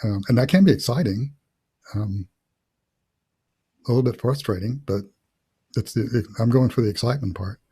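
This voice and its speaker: A man's voice: medium pitch, expressive, moderate pace, long pauses, dark tone, breathy edge. A middle-aged man, an author hosting a casual interview over a video call, thinking aloud with many fillers. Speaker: author and host.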